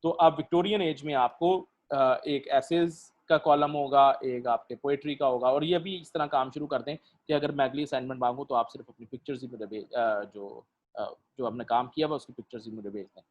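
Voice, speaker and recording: A male lecturer, teaching a literature class online, explaining slowly with many pauses and fillers and putting questions to his students. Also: medium pitch, narrow, tinny audio.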